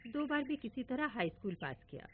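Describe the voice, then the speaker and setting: A woman telling a first-person story in a wistful, reminiscing, expressive way. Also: a little high, a little fast. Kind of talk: dramatic first-person monologue reading. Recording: tinny phone-like audio with faint hiss.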